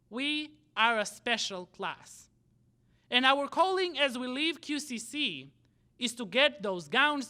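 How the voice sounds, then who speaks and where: Very high in pitch, bright and forceful, the young Albanian-accented speaker addresses the graduates as student body president. He works through his prepared speech in deliberate, measured phrases.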